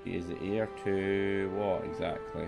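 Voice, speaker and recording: A man's voice: low voice, steady tone, unhurried, gravelly, loud music behind the voice. A man giving casual let's-play commentary, rambling and thinking aloud with the odd swear word. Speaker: game streamer.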